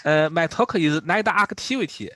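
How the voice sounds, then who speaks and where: Chinese-accented man speaking careful, halting English. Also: fairly high pitch, a bit bright, dry recording, studio quality. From China. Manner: careful, halting non-native English with repeated words. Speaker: invited speaker. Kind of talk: scientific conference presentation. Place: online video call.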